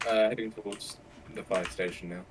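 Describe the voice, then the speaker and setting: A man's voice: on the low side, steady tone, normal speed, far from the mic, background noise. A man calling in over a walkie-talkie radio as a police dispatcher, using terse radio codes.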